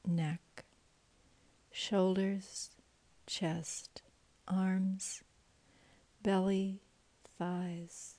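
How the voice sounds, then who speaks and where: A woman guides a meditation at a very slow, unhurried pace. Her voice is soft and breathy, often sinking into a whisper. Its tone is low and mellow.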